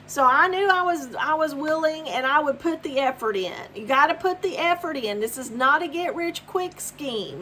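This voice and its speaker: Sitting high and fairly bright, this woman's voice carries a slight hiss or hum. In her 50s, she vlogs from home, making a casual promotional pitch to camera in an upbeat, encouraging, repetitive way.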